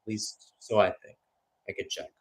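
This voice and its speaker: At a moderate pace, a man works as the play-by-play caller for live, radio-style football commentary. He slips into conversational, thinking-aloud stretches between rapid calls of the action.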